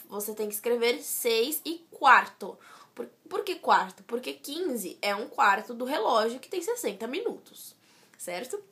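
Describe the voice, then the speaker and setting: A woman's voice: on the high side, sharp tone. A woman giving a casual lesson, explaining step by step and checking in with "right?". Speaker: student tutor.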